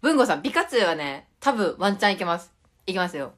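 A young idol livestreamer speaks in a Tokushima dialect, chatting casually and reading out viewer comments with lots of giggling. Her voice sits fairly low, and she talks fast and with great animation.

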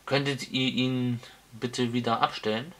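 A man's voice: medium pitch, fairly even intonation, unhurried, a bit bright, lightly acted. A man voicing a small, fussy male homeowner in an audiobook, stiffly polite and flustered. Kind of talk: audiobook character voice.

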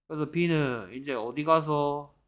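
A man teaching English grammar to middle school students, who reads example sentences slowly and breaks into mock-exasperated scolding asides. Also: on the high side, fairly bright tone. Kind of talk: grammar lecture.

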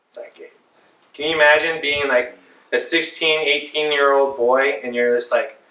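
Conversational pastor preaching in an echoey church. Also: male voice, on the high side, normal speed. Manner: conversational, animated with hand gestures. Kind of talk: sermon. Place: small church sanctuary, behind a pulpit. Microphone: far camera. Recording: roomy church echo, mic at a distance.

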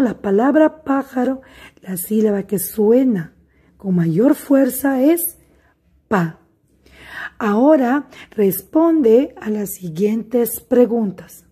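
A primary school teacher with a slow, husky, fairly high, mellow voice gives a recorded remote lesson. She speaks deliberately and addresses her pupils directly.

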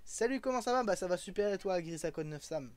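A man's voice: sits high, lively intonation, fast talker, clear, resonant tone, dry recording. Chatty young French man live-streaming. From France. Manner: chatty, rambling, laughs often, greets and answers chat. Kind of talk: casual live-stream chat with viewers.

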